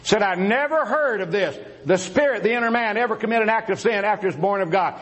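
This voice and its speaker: A man in a formal religious debate, firing rhetorical questions and taunting his opponent, swinging between a raised voice and low asides. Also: fast, fairly bright tone, low-quality recording.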